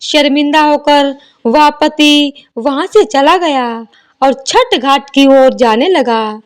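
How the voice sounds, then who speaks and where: A woman narrating a devotional folk tale in a steady, measured storytelling manner. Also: high-pitched.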